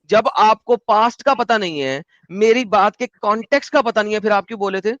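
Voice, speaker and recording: Man, debate host on a live stream; high-pitched, insistent and argumentative, dry close audio. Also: a bit bright, dry recording, dull audio.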